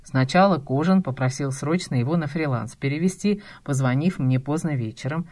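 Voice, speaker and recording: Wry middle-aged male boss, dry and teasing, low mellow tone, slow drawl, read by a woman.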